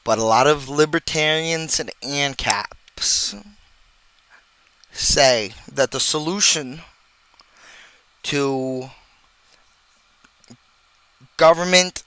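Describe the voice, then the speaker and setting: Slow, bright-voiced sarcastic man. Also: a little high, clear, resonant tone, no room sound, low-quality recording. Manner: sarcastic, rambling asides. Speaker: video creator commenting on church. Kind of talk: reading a list aloud and commenting.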